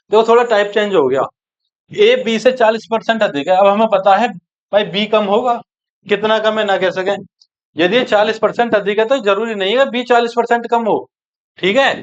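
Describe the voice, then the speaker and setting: A man teaching an exam-prep maths lesson, brisk and coaxing, who keeps checking that his students follow. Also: high voice, dull audio.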